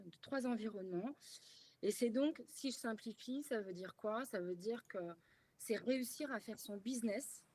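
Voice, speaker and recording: A woman's voice: mid-range voice, darkish tone. A woman in her fifties, from France, giving a webinar presentation as a trainer, explaining step by step with many fillers and restarts. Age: 50s. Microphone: video call.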